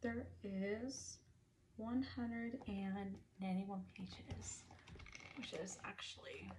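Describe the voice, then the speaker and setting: Young woman, librarian ASMR role-play, soft-spoken, slow murmuring pace, medium pitch, noisy recording with tapping. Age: young adult. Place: small bedroom.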